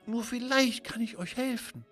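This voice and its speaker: A man's voice: very high-pitched, moderate pace, fairly bright tone, faint music behind, pitched above the performer's own voice. A man voicing a curious, brave little girl of five who talks in an eager, wondering way. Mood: thoughtful.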